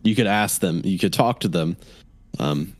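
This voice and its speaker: Low-voiced game master, dry sound. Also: male voice, lively intonation, normal speed, no room sound. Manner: rambling, filler-heavy description. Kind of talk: narrating a tabletop game.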